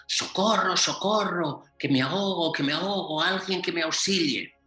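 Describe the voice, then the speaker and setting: A man's voice: huge pitch swings, a little slow, pushed and bright, full character voice. A man doing a young stream screaming for help. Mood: panicked. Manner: high frantic cries. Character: young naive stream, panicking, crying for help. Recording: roomy echo, faint music.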